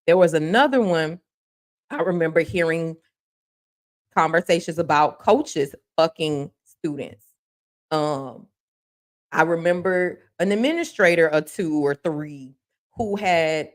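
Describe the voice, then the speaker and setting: A young woman from Miami hosting a podcast, talking candidly and bluntly about her school days, swearing freely with animated rises in pitch. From Miami, Florida. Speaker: podcast host. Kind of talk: casual commentary monologue.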